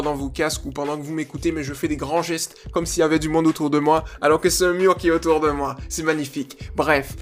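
A man hosting a casual solo dog-training podcast, rambling, joking and correcting himself as he goes. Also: fairly high pitch. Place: indoors, alone by a wall.

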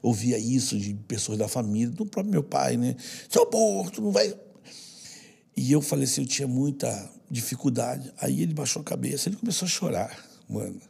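A man's voice: mid-range voice, animated, fairly quick, vocal fry, few pauses, dark tone, husky. A man with a Brazilian Portuguese accent, a guest in an interview telling personal stories in an earnest, slangy way. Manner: earnest, slangy, repeats for stress. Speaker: guest who works with children. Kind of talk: emotional interview storytelling.

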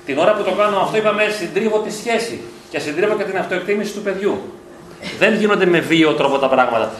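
A man with a slightly high voice gives a reflective lecture to parents and often asks them rhetorical questions. He is recorded from a distance in a school hall with heavy echo. Faint noise sits under his voice. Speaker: psychologist. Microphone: distant from the mic. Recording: echoey hall from far off.

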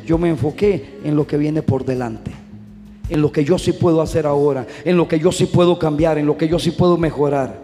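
A man's voice: fairly high pitch, moderate pace, warm tone, in a large hall, soft background music. A male pastor preaching a sermon, with impassioned, repetitive phrasing.

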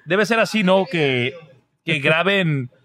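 A man's voice: on the high side, expressive, slow pace, heavy background noise. A man with a Mexican accent hosting a casual chat, full of slang and swearing. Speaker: show host. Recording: guitar and music behind the talk.

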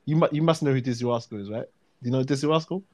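A man with a South London accent in a relaxed casual chat, full of fillers and restarts. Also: medium pitch, rapid-fire. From South London, England.

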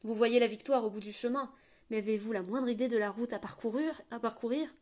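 A woman's voice: a little high, brisk, a little mellow, lightly acted. A woman reading an audiobook voices a worn-out young man with a fever. He protests in an urgent, hissing tone. He is a wary, stubborn youth from a fantasy tale. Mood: tense.

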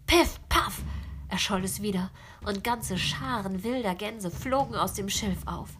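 A woman reading a fairy tale aloud in a gentle way, often sinking into a whisper. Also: medium pitch, measured pace, slight background noise. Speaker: storyteller. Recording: with music behind.

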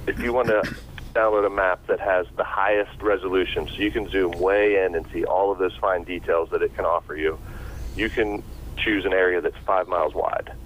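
Very deep man over the phone. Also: steady tone, normal speed. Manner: patient, step-by-step explaining. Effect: heard over a phone line. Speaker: guest expert. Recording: dull phone line, faint noise.

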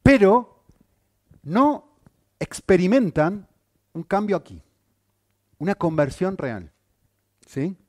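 A male pastor preaching a sermon, animated, with rhetorical questions and frequent checks on his listeners. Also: high voice, slow pace, long pauses, dry recording, studio quality.

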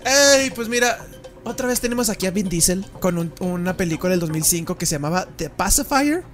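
A Mexican woman talks with a very lively, swooping pitch, joking and swearing casually as a co-host on a comedy talk show. Soft music plays faintly in the background. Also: a little fast. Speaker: podcast co-host.

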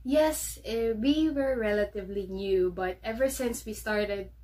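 A woman's voice: mid-range voice, measured pace, warm tone. A young woman hosting a casual podcast from her bedroom, bubbly and giggly as she chats. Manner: bubbly, giggly, talks baby talk to her dog. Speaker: podcast host. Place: bedroom at home.

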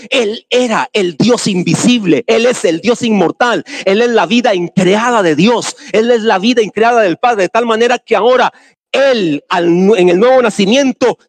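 A male pastor delivers a sermon in a high voice. He preaches with emphasis, slowing down to stress key phrases and then rushing through others. He often puts questions straight to the congregation. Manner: swings between slow stressed phrases and quick runs.

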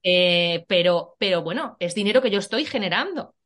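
A woman's voice: medium pitch, lively intonation, moderate pace, fairly bright tone. A woman from Spain with a Spanish accent, hosting a podcast in frank, slangy casual chat. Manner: frank, slangy, many restarts. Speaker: podcast host.

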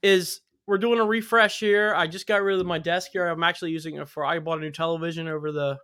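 A man on a podcast chats casually, rambling and repeating himself while describing how he lost his sense of smell as he recovers from covid. His voice is a little high, clear, resonant, bright and forceful, with fairly even intonation and a fast pace.

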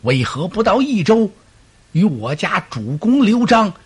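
Male storyteller doing frantic pleading generals, shrill and flustered. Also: very animated, unhurried, breathy edge, full character voice. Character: panicked pleading enemy generals, men.

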